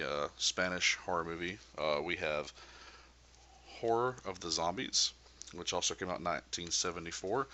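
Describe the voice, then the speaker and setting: A man in his thirties talks through his finds in a relaxed, show-and-tell way, filling gaps with easy "uh"s and "um"s. His voice sits very low yet comes across sharp and forceful, with a faint hiss of noise underneath. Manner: easygoing and enthusiastic, with frequent "uh" and "um" fillers. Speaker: VHS collector vlogger. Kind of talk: casual show-and-tell chat.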